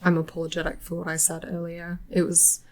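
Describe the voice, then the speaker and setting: A woman with a slightly low, flat voice plays her character in a tabletop game. She speaks politely and hesitantly, pausing often over her words. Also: background noise. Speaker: player.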